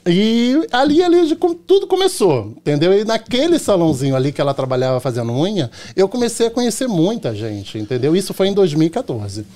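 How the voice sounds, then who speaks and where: High-voiced Carioca man telling stories. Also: very animated, a little fast, few pauses, warm tone. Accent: Carioca Portuguese. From Rio de Janeiro, Brazil. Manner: chatty, tells anecdotes acting out quoted dialogue, often tags "entendeu?". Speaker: podcast guest, hairdresser. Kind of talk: casual storytelling in a podcast chat.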